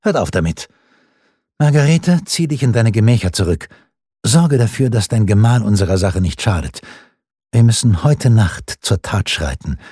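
A man voicing a scheming, ruthless older queen mother with a husky, cold and commanding voice. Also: lowish voice, expressive, moderate pace, warm tone, no room sound, clean studio sound, voice pushed up.

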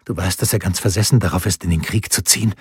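A man's voice: sits low, fast talker, breathy edge, no room sound, studio quality, pitched below the performer's own voice. A man voicing a worried, firm noblewoman in an audiobook, urgent and anxious.

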